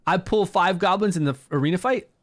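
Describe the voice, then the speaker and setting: A man hosting a casual game livestream in a slightly higher voice, chatty and upbeat as he talks his viewers through his progress. He greets people in chat by name and keeps an easygoing, promotional tone. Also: quick pace, a bit bright.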